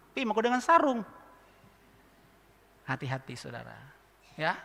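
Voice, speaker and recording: A male pastor, preaching a sermon and telling a funny illustration, acting out the characters and questioning the congregation. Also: on the high side. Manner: lively storytelling, mimics a speech lisp, asks the congregation questions. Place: large church hall. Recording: long church hall reverb.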